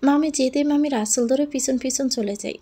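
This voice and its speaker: A woman narrating a romantic audio story in the first person with a steady, expressive reading. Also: high voice, moderate pace.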